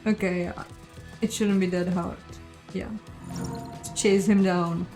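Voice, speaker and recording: A woman's voice: on the low side, steady tone, slow pace, dark tone, soft background music. Woman reading a game aloud. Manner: reads game text aloud, casual asides and curses. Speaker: game streamer. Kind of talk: voiced game playthrough.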